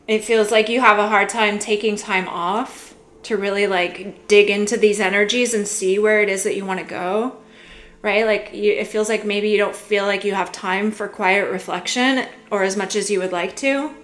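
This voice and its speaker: Soft-spoken woman giving a tarot reading. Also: medium pitch, steady tone, normal speed. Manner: gentle, musing, many fillers like "like" and "you know". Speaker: tarot reader.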